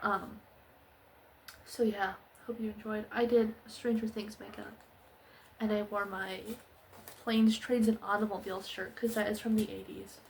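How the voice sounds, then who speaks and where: A woman's voice: mid-range voice, flat delivery, a little slow, gravelly, slight background noise. A young woman ranting sarcastically in a casual, slangy, rambling video recap full of fillers. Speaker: vlogger.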